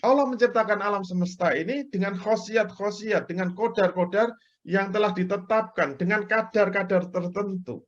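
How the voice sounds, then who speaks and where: A man's voice: sits high, normal speed. Male preacher on a dull recording. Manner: explains by example, mimics people's prayers. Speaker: Islamic preacher. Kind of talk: religious lecture.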